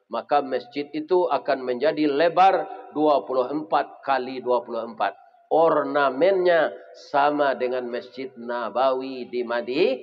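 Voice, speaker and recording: A man with a Minangkabau accent, preaching a humorous sermon as animated storytelling with sudden loud exclamations. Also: fairly high pitch, a little hiss or hum. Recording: reverberant hall, dull lo-fi sound.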